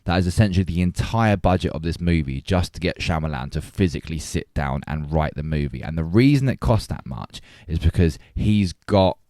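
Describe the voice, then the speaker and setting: A man's voice: low-pitched, expressive, brisk, hardly any pauses, a little mellow, dry recording, studio quality. A man co-hosting a podcast, arguing his point in earnest with frequent restarts. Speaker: podcast co-host. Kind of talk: casual debate chat.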